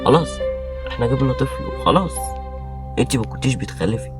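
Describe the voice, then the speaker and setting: Brief: a man doing a stern Egyptian father, fast and blunt, violin music behind the voice. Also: mid-range voice, lively intonation, close to an everyday voice. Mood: firm. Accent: Egyptian Arabic. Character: stern adult man, a father sending back an adopted boy.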